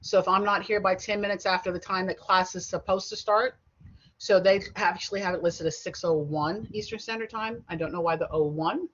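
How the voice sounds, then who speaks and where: A middle-aged woman gives an online college lecture over a video call. Her pitch sits in the middle and never strays far. She talks in a loose, chatty way, drifting into asides and correcting herself mid-sentence, and the lo-fi call audio sounds slightly dull. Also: fairly even intonation, brisk. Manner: chatty and digressive, with frequent asides and self-corrections. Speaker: college instructor.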